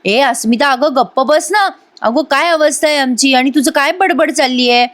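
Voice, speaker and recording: A woman's voice: a little high, measured pace, lightly acted. A woman reading a stern scolding father. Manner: scolding, raised voice. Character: stern angry father of the house.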